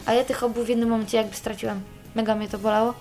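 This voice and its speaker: A woman's voice: fairly high pitch, little pitch movement, very fast, a little mellow, faint music behind. A young woman giving a candid personal account, cursing freely as she talks. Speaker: interviewee.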